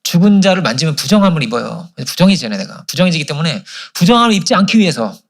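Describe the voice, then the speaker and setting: A male pastor delivers a sermon at a church service, firing off questions to the congregation and answering them himself. His voice sits a little high and swings widely in pitch. He talks at a quick clip. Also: very animated.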